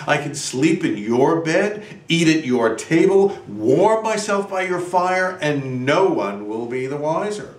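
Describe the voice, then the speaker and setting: A man performing a theatrical monologue as a desperate, exhausted scientist turned invisible, imperious and brooding, with dramatic pauses. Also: on the high side, very animated. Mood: scheming, urgent. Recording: roomy, distant microphone.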